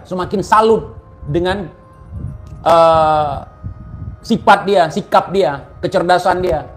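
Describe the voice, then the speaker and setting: A man giving a heated, mocking religious commentary, swinging from quiet asides to loud outbursts. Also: high-pitched.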